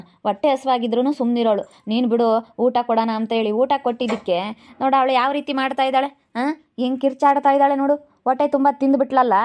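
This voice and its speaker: A woman's voice: high-pitched, a little mellow, natural voice. A woman with a Chitradurga Kannada accent playing a scornful accomplice who sneers at and accuses the prisoner. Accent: Kannada, Chitradurga region. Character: scornful female accomplice of the captor. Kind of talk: amateur village drama.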